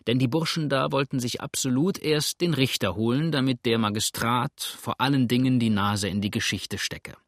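A man voicing a tall, easygoing Virginian settler who speaks calmly and matter-of-factly. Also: medium pitch, moderate pace, few pauses, dry recording, clean studio sound, natural voice.

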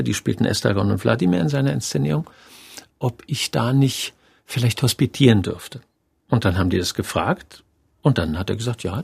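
A man's voice: mid-range voice, vocal fry, darkish tone, husky. A man in his sixties, a theater director, reflecting thoughtfully and telling stories in an interview. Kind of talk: radio interview.

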